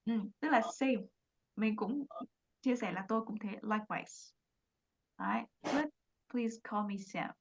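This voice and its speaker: A woman English teacher with a Vietnamese accent, explaining quickly in Vietnamese and modeling English words slowly on a video call. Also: on the high side, vocal fry. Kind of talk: online English lesson, mixing Vietnamese and English.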